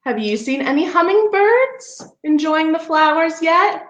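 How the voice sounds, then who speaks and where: A parks-program storybook reader shares a picture book with children at a relaxed pace, her mid-pitched voice full of lively intonation. She chats with her young listeners in asides, the room echoes, and the high frequencies are cut off.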